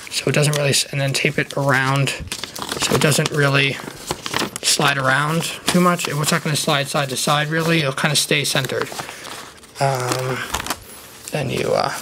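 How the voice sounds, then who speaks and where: This is a male trading card enthusiast explaining a how-to in a relaxed, improvised hands-on way, speaking with a small lisp caused by a retainer. He talks unhurriedly at medium pitch with fairly even intonation. He's indoors at a desk, and background noise plus handling clicks are noticeable.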